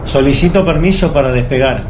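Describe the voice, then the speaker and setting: A man playing an airline captain who speaks over the cabin intercom and the tower radio, with a formal, measured delivery. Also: medium pitch, close to an everyday voice. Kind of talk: scripted commercial acting. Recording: echoey sound with loud engine hum.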